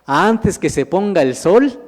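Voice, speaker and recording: A man's voice: high-pitched, animated, slow, darkish tone. A man preaching a Bible lesson, putting questions to the congregation, calling them brothers, and answering himself. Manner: calls listeners "hermanos". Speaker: minister. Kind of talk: sermon, Bible teaching with slides. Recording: long reverb of a large hall.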